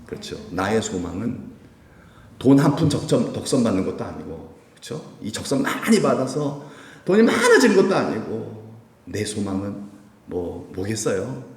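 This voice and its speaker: Pastor, male, animated preacher with a warm low tone, recorded from a distance in a reverberant sanctuary. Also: moderate pace. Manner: lively, asks the congregation questions. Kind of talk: sermon. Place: church sanctuary. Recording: echoey church hall, distant mic.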